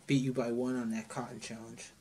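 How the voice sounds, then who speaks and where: A man's voice: mid-range voice, fairly quick, breathy edge. A man in his thirties chatting casually and playfully as he hosts a challenge video at home, picked up by a camera across a table. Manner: excitable, playful. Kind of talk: casual joking vlog chat. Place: small home room, indoors.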